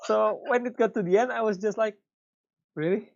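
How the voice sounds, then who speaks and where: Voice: medium pitch, steady tone, quick pace, gravelly. A quiz participant on a video call, chatty and teasing. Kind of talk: casual online quiz chat. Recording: dull lo-fi video call audio.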